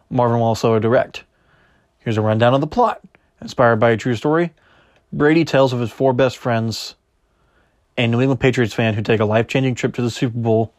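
Young male podcast host, chatty and rambling, mid-pitched, dry close-mic read. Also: dry recording. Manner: rambling, self-correcting, chatty. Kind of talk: solo podcast sports chat, reading news aloud.

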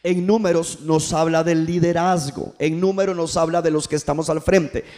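Preaching in church, a man leads the congregation in call-and-response, urging them to answer back. He has a fairly high, darkish voice with fairly even intonation and speaks at a normal speed.

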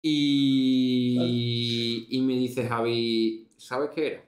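Mid-pitched man, echoey room. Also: fairly quick. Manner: steady storyteller, leads the segment. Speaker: podcast co-host. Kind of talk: casual chat, reading a letter aloud.

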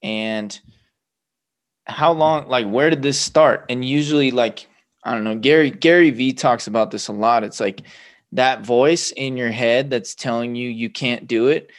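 A man's voice: mid-range voice, measured pace. A man hosting a casual podcast conversation, talking emphatically and swearing freely.

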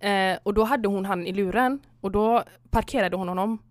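A woman chats casually and retells a story, voicing each person in turn and dropping English phrases into her speech. Her voice is smooth and clear. The recording is dry and close, with no room sound. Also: mid-range voice, no echo. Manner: retells stories acting out both sides, mixing in English phrases. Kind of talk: casual chat.

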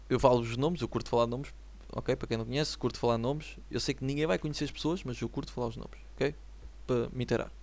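A man's voice: fairly high pitch, no room sound. A young man in his twenties with a European Portuguese accent, chatting casually to his viewers from home in a rambling, slang-filled way and often checking that they follow. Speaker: vlogger. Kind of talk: casual solo chat to viewers.

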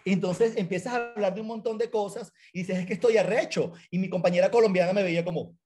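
High-voiced Venezuelan man, animated. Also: quick pace. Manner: animated storyteller, acts out quoted lines. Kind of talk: casual chat.

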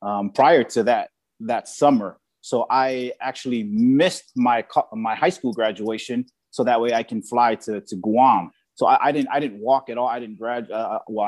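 A man's voice: mid-range voice, darkish tone. A young man from Samoa, a former college baseball player, telling his story in an interview with many fillers and restarts. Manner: hesitant, many fillers and repeated words.

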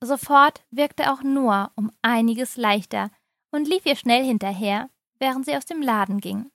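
A woman reading a story aloud, giving the characters lively voices of their own. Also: fairly high pitch, unhurried, no echo, clean studio sound. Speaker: narrator.

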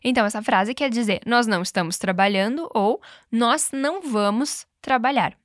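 A woman teaching English and running repeat-after-me drills, speaking clearly and patiently and slowing down on model phrases. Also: on the high side, no room sound, clean studio sound. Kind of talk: bilingual language lesson with repeat drills.

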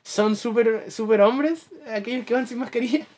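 A man with a Chilean accent chatting casually as a podcast co-host, acting out his anecdotes with lively asides. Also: very high voice, normal speed. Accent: Chilean Spanish. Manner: animated storyteller, acts out anecdotes, laughs at his own jokes. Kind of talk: casual chat.

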